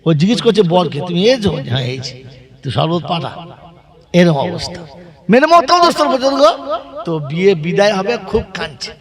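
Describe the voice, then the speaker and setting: A man's voice: high-pitched, sing-song, a little fast. A man with a West Bengal Bengali accent preaching a waz sermon, telling anecdotes and quizzing his audience. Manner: chanted sung opening, then storytelling that questions the crowd. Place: religious gathering with a crowd.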